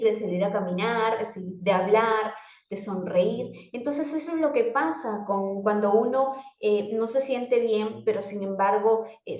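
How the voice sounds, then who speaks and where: A woman speaks as a motivational coach, answering questions she puts to herself by name and often restarting her sentences. Her voice sits a little high. The sound is muffled and echoes around the room. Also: a little mellow. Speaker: life coach. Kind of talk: motivational talk to the viewer.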